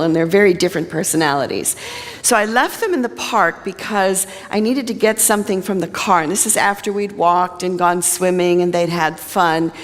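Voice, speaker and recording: A woman minister giving a conversational sermon at a pulpit microphone in a church. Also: lowish voice. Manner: conversational, plain-spoken. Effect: speaking at a pulpit microphone. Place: church sanctuary. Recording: long reverb of a large hall.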